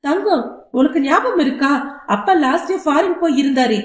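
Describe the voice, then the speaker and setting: A woman voicing a gentle young mother who soothes her children softly. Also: high voice, lively intonation, normal speed. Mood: soothing. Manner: soft, soothing, reassuring. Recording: roomy echo.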